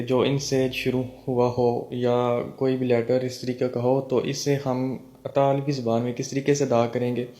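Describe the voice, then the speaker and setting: A man's voice: mid-range voice, dark tone. A man teaching a language lesson, patiently explaining each example word by word. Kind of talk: Italian lesson for Urdu speakers.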